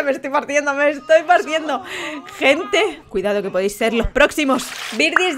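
A young woman with a Spain Spanish accent giving excitable let's-play commentary, full of exclamations. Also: sits high. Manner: excitable, frequent exclamations and laughter. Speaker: gaming YouTuber.

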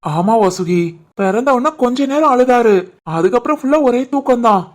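A woman voicing a proud, generous young new father in an animated family story, with a Tirunelveli Tamil accent. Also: on the high side, moderate pace, natural voice. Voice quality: generous, boastful.

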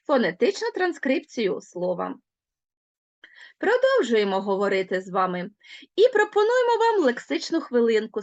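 Lively teacher woman, clear and deliberate. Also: on the high side, dry recording, highs cut off. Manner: clear, deliberate teacherly delivery, spelling out words slowly. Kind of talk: online Ukrainian grammar lesson.

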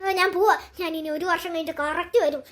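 Woman voicing a male cartoon ghost, evil, cackling, boastful, fast-talking. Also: very high-pitched, steady tone. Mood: vengeful. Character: gloating evil male ghost who enslaves people.

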